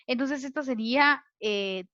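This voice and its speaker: A woman walks through a physics lesson on slides, speaking a little slowly in a high-pitched, bright, forceful voice. Patiently explaining each step, she frequently checks comprehension with a questioning tag, in a muffled lo-fi recording without room sound.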